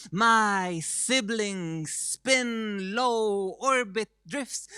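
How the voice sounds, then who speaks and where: A performer playing a grand diva persona, reciting spoken-word poetry in a dramatic, declamatory way with drawn-out lines, recorded in their own room. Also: medium pitch, pushed and bright, dry recording, studio quality, voice pushed up. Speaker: slam poetry contestant.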